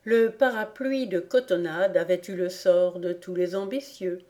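A woman reading a novel aloud as an audiobook narrator, in a measured storytelling manner. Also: lowish voice, fairly even intonation, dark tone. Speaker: audiobook reader. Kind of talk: scripted narration.

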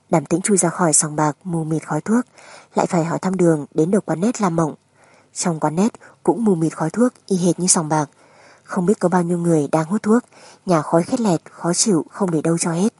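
A woman reads a dramatic story as an audiobook narrator. Her voice sits a little low, dark and soft, with a husky grain. The recording is close and dry. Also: dry recording.

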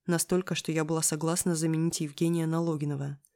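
Lively audiobook narrator. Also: mid-range voice, fast talker. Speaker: audiobook reader. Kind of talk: scripted first-person audiobook narration.

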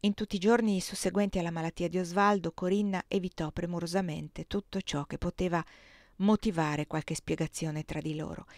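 A woman reading a classic novel aloud in a measured, literary way. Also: lowish voice, a little mellow, no room sound, studio quality. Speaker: reader.

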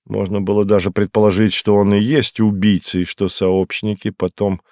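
A man narrating a detective novel in the first person, in a calm, measured reading. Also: lowish voice, vocal fry, dry recording, studio quality. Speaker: audiobook narrator.

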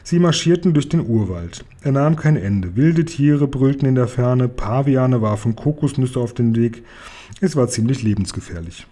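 A man reading a children's story aloud in a lively, characterful way. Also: medium pitch, moderate pace. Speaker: audiobook reader. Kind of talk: storytelling narration.

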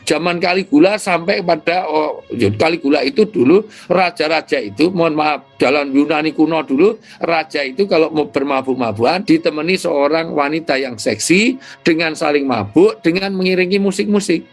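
A man, an Islamic cleric, explaining ideas in an interview with lively storytelling. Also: fairly high pitch, normal speed, soft background music. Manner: lively storytelling with imitated sounds.

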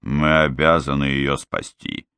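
Determined young fighter, deep and hushed, as the narrator voices him. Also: male voice, measured pace, creaky, smooth, no room sound, studio quality, heavily acted. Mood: urgent. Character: determined young male warrior.

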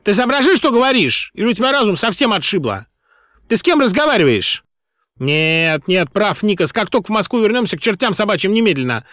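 A man's voice: high voice, big pitch swings, a little fast, a bit bright, dry recording, clean studio sound, pitched above the performer's own voice. A man voicing a quarrelsome woman company director who screeches in anger and turns frantic on the phone. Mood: furious.

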